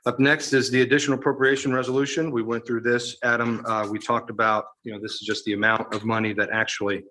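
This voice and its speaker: A man chairing a town council meeting, rattling off motions and vote calls in quick succession. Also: mid-range voice, little pitch movement, bright, forceful tone, poor audio.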